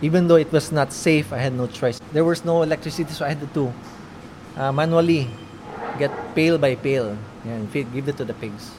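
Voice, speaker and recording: Chatty Filipino farmer in noisy field audio. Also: male voice, on the high side, normal speed. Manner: chatty, with frequent "no?" tags and laughs. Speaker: pig farmer, cooperative president. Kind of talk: casual interview answers.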